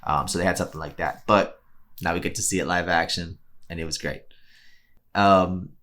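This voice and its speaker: A man with a fairly low voice talks through a film review in a loose, casual way. He rambles and restarts his sentences, piling up fillers as he goes. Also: fairly even intonation, normal speed, pushed and bright. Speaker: co-host.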